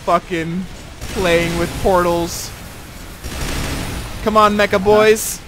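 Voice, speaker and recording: A man playing a co-op game with friends, loud, excitable and swearing. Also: high-pitched, slow, background noise. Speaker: gamer playing co-op. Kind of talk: excited gaming banter.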